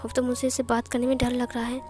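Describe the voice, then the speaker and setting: A woman's voice: a little high, completely flat delivery, quick pace, darkish tone, faint music behind, natural voice. A woman voicing a frightened young man who stammers and pleads frantically. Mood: panicky. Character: scared young man, whiny and panicky.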